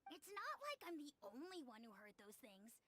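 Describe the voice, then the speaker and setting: A woman's voice: high voice, big pitch swings, moderate pace, pushed and bright, exaggerated voice. A woman voicing a scheming young boy in a game, reporting on others in a cool, tattling, matter-of-fact way.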